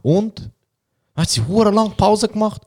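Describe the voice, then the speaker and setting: A man's voice: sits high, unhurried, a little mellow. A young man with a Swiss German accent, a podcast co-host who tells casual stories, acts out quotes and laughs often. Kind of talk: casual storytelling chat.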